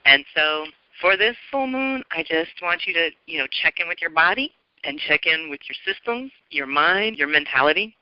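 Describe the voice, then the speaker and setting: An earnest woman astrologer talks through a forecast in an encouraging way, circling back to repeat key phrases. The recording is muffled and lo-fi, with a dry sound and no room echo. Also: low voice.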